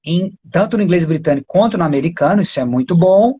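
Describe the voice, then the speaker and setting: A man with a Brazilian Portuguese accent, an English teacher giving a casual live-stream lesson, chatty and full of quick tag questions. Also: high voice, lively intonation, mellow, husky, dull audio. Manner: chatty, peppers talk with tag questions and pointers.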